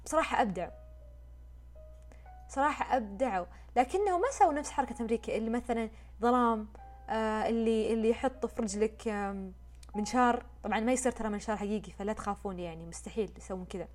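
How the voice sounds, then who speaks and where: A woman, telling a story in a casual, expressive, chatty way. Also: a little high, fast, faint music behind. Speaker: vlogger.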